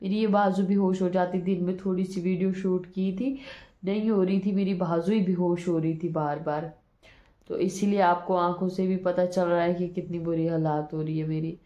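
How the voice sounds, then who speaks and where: Young female vlogger, hoarse and feverish, tired and rambling, recorded on a phone in an echoey room. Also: on the low side, steady tone, moderate pace, mellow, highs cut off. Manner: weary, sleepy, rambling. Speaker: vlogger and street cart vendor. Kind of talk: casual vlog talk to camera. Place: small room at home, indoors. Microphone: phone held by hand.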